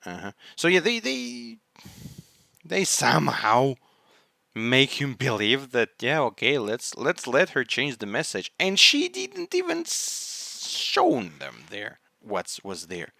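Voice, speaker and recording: A man's voice: medium pitch, huge pitch swings, slow pace, gravelly, bright, forceful tone, dry recording, clean studio sound. A non-native English-speaking man hosting an anime reaction, talking casually and rambling as he searches for words. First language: not English. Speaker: anime reaction channel host.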